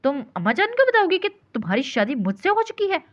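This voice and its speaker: A man's voice: extremely high pitch, animated, brisk, fairly bright tone. A woman doing a short-tempered young husband. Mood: angry scolding. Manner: gruff threats. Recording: dull lo-fi recording.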